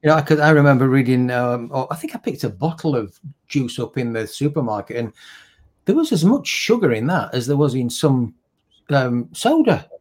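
A man hosts a casual live stream, talking in a chatty way with frequent restarts and repeated words. His voice sits at an average pitch for a man. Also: very animated, moderate pace, a little mellow, husky. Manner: chatty, repetitive restarts, friendly laughs. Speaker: host.

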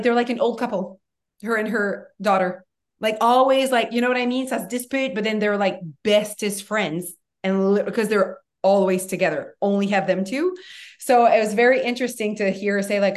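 A woman co-hosting a podcast in casual chat, telling stories animatedly and acting out what people said. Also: mid-range voice. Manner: animated storyteller, acts out quoted talk. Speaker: podcast co-host.

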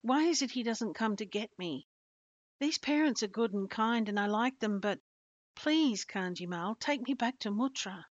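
An earnest young girl, as a woman storyteller reads her speaks in a quiet, pleading way. The sound is dull and lo-fi, close and dry. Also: on the high side, lively intonation, moderate pace, no room sound. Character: young girl recalling a past life, earnest.

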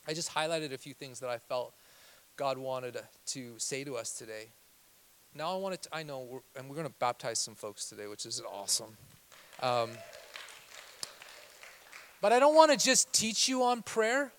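A male pastor preaches a sermon in church, shifting between quiet, confessional passages and loud, fervent exhortation. His medium-pitched voice is expressive, at a normal speed with frequent pauses.

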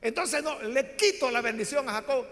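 A man preaching a sermon, telling a Bible story in an animated way and acting out the people in it. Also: very high-pitched, moderate pace. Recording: long hall reverb.

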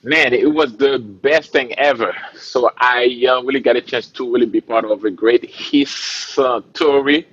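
A man's voice: mid-range voice, a little slow, few pauses, fairly bright tone, breathy edge, muffled recording. A man from Haiti, a musician, talking in a laid-back way with fillers and laughs in a casual interview. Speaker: musician guest.

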